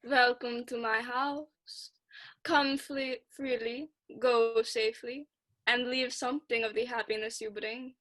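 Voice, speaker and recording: A young woman playing a sinister vampire count in a student radio play, speaking with slow, courtly menace. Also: a little high, little pitch movement, a bit bright.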